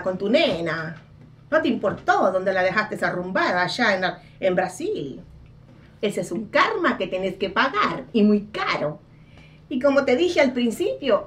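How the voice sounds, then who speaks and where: A woman's voice: mid-range voice, recorded from a distance. A woman playing a brash female psychic who scolds and mocks in a dramatic comic card reading. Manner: scolding, dramatic, laughs at her own jabs.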